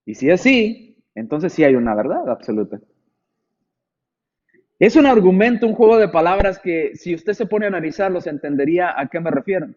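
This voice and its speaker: A man's voice: high-pitched, sing-song, moderate pace, darkish tone, dull audio. A man preaching a conversational sermon, asking rhetorical questions and acting out imagined replies from listeners.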